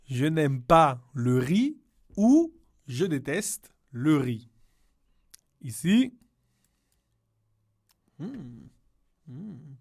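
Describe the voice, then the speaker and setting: Patient, lively teacher man. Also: on the high side, vocal fry. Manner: patient, repeats words slowly and switches into Spanish to explain. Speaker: French teacher. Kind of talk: slow, clear language lesson.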